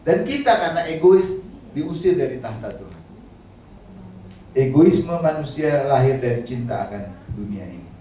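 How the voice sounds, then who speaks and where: Recorded from a distance in a very echoey church hall, a pastor's warm mid-range voice carries a slight hiss or hum. He delivers a relaxed sermon, conversational and funny at times, frequently addressing the congregation directly.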